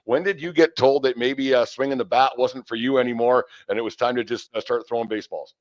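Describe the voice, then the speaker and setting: A man in his fifties hosts a casual sports interview, his mid-range voice steady and a little fast. He's chatty and rambling, joking at his own expense. The recording has no room sound, and the highs are cut off.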